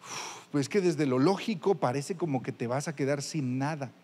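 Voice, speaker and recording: A man delivers a sermon to his congregation, his voice sitting unusually high for a man. He speaks conversationally and keeps turning to his listeners with direct questions. A long hall reverb trails after his words in the church. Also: normal speed, a little mellow. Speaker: pastor.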